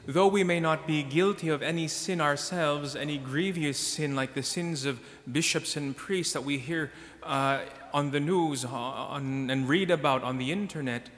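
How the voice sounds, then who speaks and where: A man who is a priest, reading the Gospel and preaching in a measured, solemn way, his voice carrying a cathedral echo through a large church. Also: a little high, fairly bright tone. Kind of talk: liturgical reading and homily. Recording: long church reverb in a large hall.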